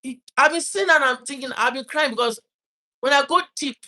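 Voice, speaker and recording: A man with a Nigerian accent tells a painful personal story in an earnest, halting way. He often repeats and restarts his words while trying to hold back tears. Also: extremely high pitch, sharp tone. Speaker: vlogger telling a personal story.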